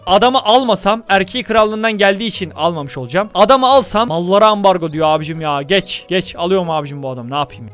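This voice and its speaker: A man hosting a let's play, talking his viewers through the game in an excitable, slangy way, with sudden shouted outbursts. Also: high voice. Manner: bursts into shouted outbursts while playing. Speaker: gaming video host.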